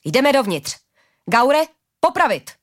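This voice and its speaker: A woman's voice: fairly high pitch, lively intonation, fairly bright tone. Impatient male guard leader, barked commands, read by a woman. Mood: commanding. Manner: barked orders.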